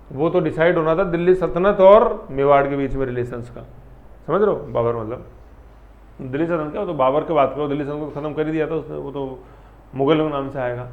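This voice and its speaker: A man teaches a history lesson with a fairly high, lively voice. He keeps asking rhetorical questions and acts out little scenes as he goes. The audio is slightly muffled and lo-fi. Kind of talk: classroom lecture.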